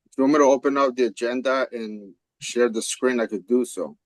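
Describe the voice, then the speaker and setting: Man, mid-pitched, polite, helpful, casual coordinator talk, dry video-call sound. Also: fairly quick, no room sound, rough recording. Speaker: meeting coordinator. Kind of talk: casual helpful talk while screen sharing.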